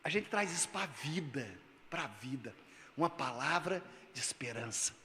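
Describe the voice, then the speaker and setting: Brazilian Portuguese-speaking pastor preaching in an echoing hall. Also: male voice, animated, normal speed. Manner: swings from loud preaching to low, quiet storytelling. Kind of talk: sermon.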